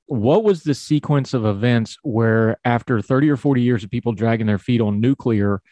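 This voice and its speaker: A man's voice: medium pitch, normal speed, mellow, no echo. A man with an Appalachian hillbilly accent hosting a conversational interview in a folksy, informal manner. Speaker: talk show host.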